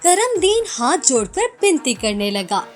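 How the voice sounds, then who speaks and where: Brief: dramatic female story narrator, bright animated delivery. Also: high-pitched, unhurried, faint music behind.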